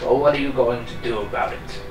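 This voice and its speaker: A man voicing a blunt, stern old veteran in a tabletop game, loud and challenging. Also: medium pitch, steady tone, fairly quick, close to an everyday voice. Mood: stern challenge. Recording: roomy, distant mic, music underneath.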